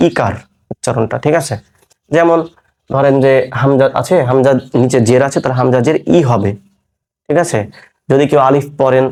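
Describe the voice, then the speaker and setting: A man teaching a Quran reading class, slowly and carefully drilling Arabic letter sounds and often checking that students follow. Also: mid-range voice, darkish tone. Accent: Bangladeshi Bengali. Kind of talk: Quran recitation lesson.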